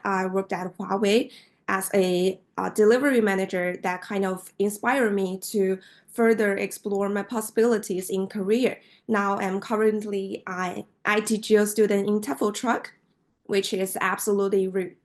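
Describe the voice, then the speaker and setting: A woman introducing herself as a student on a webinar panel, in a polite, formal way over a video call. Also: mid-range voice.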